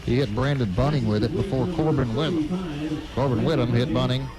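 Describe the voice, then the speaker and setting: Calling a football game live on radio from an outdoor high school stadium, a man gives brisk play-by-play in a mid-range voice. A loud crowd surrounds him, and the audio quality is poor.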